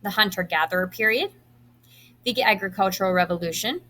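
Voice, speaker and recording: A woman who teaches high school reads out quiz questions and answer choices, enunciating each one deliberately in an instructional way and adding brief instructions for students. Her voice is bright and crisp-edged, pitched in an average range for a woman.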